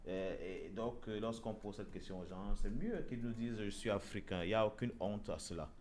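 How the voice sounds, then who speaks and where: A man's voice: lowish voice, fairly quick, a little mellow, a little hiss or hum. A man hosting a casual discussion show, talking with frequent fillers, repeated words and restarts. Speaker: show host.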